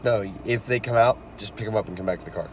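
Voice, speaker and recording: A man's voice: on the low side, fast, over a noisy crowd. A man chatting casually in a car, joking and swearing, recorded on a phone. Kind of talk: casual chat. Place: inside a parked car. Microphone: hand-held phone. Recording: phone audio with clear background noise.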